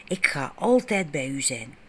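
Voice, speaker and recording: A woman's voice: low voice, big pitch swings, unhurried, a bit bright, slightly rough, exaggerated voice. A woman voicing a tender, romantic young Flemish man.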